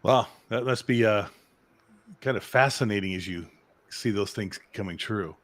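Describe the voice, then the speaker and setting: Man host firing off short questions. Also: fairly low pitch. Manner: short quick-fire questions. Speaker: interview host. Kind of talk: casual interview questions.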